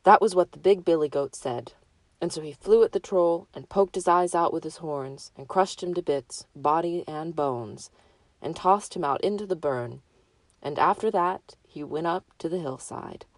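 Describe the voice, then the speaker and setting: A woman narrating a fairy tale in a measured, deliberate way. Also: fairly low pitch, no room sound. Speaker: storyteller.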